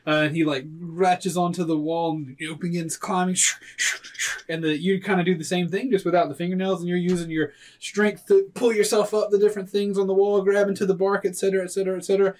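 Male game master, higher-pitched voice, casual animated narration of tabletop adventures. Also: quick pace.

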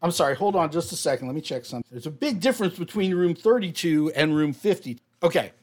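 A man running a tabletop game as game master, talking in a playful, expressive way. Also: on the high side, fast talker.

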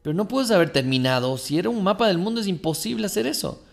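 A man voicing a busy scientist father in a spoken story, with a gravelly edge. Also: high voice, lively intonation, fast, pitched above the performer's own voice. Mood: incredulous.

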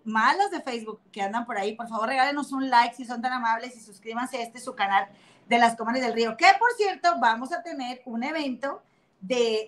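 Mexican woman, podcast host, slightly high voice, casual gossip chat. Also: fairly bright tone. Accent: Mexican Spanish. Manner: chatty, calls her co-host comadre, reads viewer comments aloud.

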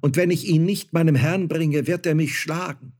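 A man's voice: a little high, normal speed, darkish tone, voice pushed up, natural voice. A man voicing a poor, humble starchild boy in a storybook reading, with an earnest, pleading manner.

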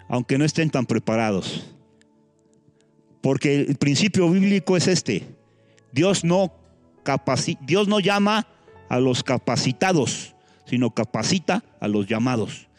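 A man preaching a sermon as a pastor, animated, with sudden leaps in pitch, thinking aloud with restarts and asides. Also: measured pace, long pauses, no room sound, faint music behind.

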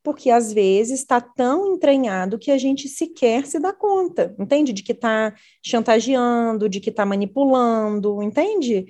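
A woman's voice: a little high, animated, a little slow, hardly any pauses, warm tone. A middle-aged woman with a Brazilian Portuguese accent, a parent educator talking earnestly and with animation in a conversational interview.

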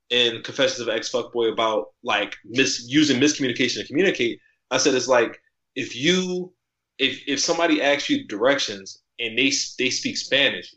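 A man guest on a podcast, telling stories in a casual, animated way, full of slang and "like," jumping up in pitch often. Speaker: podcast guest, article writer. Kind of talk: casual conversational storytelling. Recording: roomy, slightly dull podcast audio.

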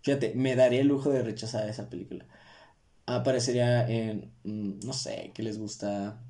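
A man's voice: medium pitch, steady tone, normal speed, mellow. Young Mexican male podcast host, casual joking monologue, self-deprecating, slang-heavy. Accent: Mexican Spanish.

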